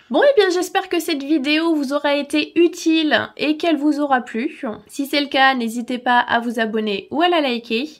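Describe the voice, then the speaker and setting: A woman hosting a casual tutorial vlog, chatty, laughing often and filling pauses with "euh". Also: fairly high pitch. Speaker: channel host.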